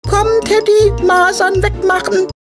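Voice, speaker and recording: Little cartoon boy king, squeaky high voice, whiny, giggly, music behind. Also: level tone, unhurried. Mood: fretful. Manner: sighs, whines and giggles. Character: small boy king, whiny, fretful and playful. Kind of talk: cartoon voice acting.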